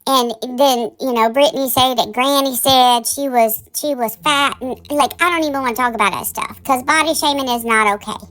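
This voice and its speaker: Speaking at a moderate pace with few pauses, this woman has a high-sitting, fairly bright voice. She hosts online drama commentary, offering casual gossip with sassy, campy drag-queen theatrics, folksy and colloquial, and addresses her audience as darlings.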